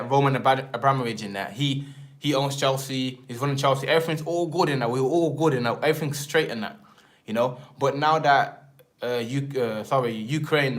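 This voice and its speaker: A young Englishman with an English accent hosting a casual live stream, rambling in slang and tagging his sentences with filler words. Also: medium pitch. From England. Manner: rambling, slangy, repeats filler tags like "man" and "and that".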